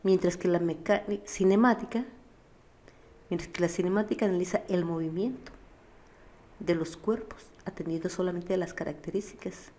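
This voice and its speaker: A woman's voice: lowish voice, steady tone, normal speed, warm tone. A woman teacher, patiently explaining a physics lesson and often checking that her students follow. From Mexico. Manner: patient, keeps checking with a questioning "sí?".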